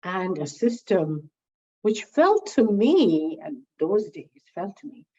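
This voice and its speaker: A woman with a low, mellow voice tells stories slowly, a breathy edge to her speech. She's a founding member recalling the early days in a reflective interview, animated as she narrates and repeating words while gathering her thoughts. The audio is slightly dull and lo-fi.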